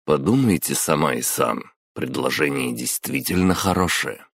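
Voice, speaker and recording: A cocky young trainee who talks calmly, with a menacing edge underneath, as a male audiobook narrator voices him. The voice is extremely deep and gravelly, recorded dry and close. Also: unhurried, no room sound, heavily acted. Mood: calm, smug. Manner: calm and smug, turning cold and menacing.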